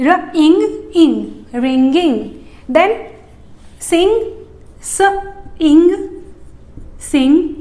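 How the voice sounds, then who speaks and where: A woman giving a phonics lesson for parents, patiently repeating sounds slowly and clearly. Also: high-pitched, reverberant. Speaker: English teacher for parents of young children. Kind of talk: phonics lesson in Hindi mixed with English.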